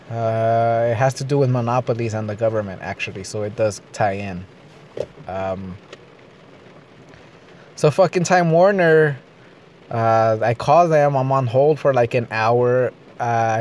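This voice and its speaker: A man's voice: mid-range voice, darkish tone, slight background noise. Agitated swearing man ranting. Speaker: vlogger. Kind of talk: profane personal rant.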